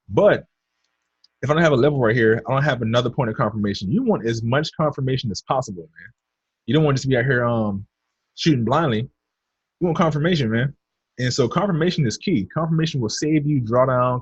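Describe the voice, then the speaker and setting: A man's voice: mid-range voice, animated, brisk, breathy edge, no room sound, highs cut off. Chatty man teaching a charting lesson. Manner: chatty, addresses viewers as "you guys", talks to himself while drawing. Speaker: trading instructor. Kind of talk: casual screen-share lesson.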